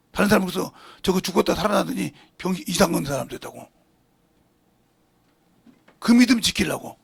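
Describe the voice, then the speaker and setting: A middle-aged man preaching a sermon as pastor, retelling conversations fervently and swinging between raised passages and hushed whispers. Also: sits high, gravelly, slightly rough, no echo. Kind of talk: sermon with retold dialogue. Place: church sanctuary.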